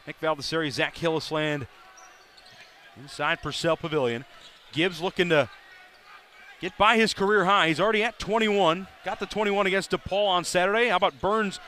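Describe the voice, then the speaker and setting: A man doing live play-by-play for a college basketball game, brisk and rising sharply on big plays. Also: high-pitched, steady tone, sharp tone, slight background noise. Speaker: play-by-play announcer. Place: arena broadcast booth.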